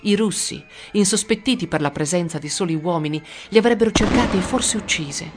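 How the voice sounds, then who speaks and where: A narrator reading a first-person story aloud with steady storytelling. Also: mid-range voice, brisk. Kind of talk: audiobook narration. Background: music.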